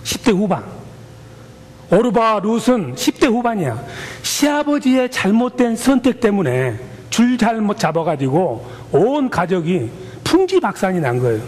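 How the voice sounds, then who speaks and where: A male pastor preaching a sermon in a colloquial, animated storytelling manner. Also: sits high, a little slow, big-room sound.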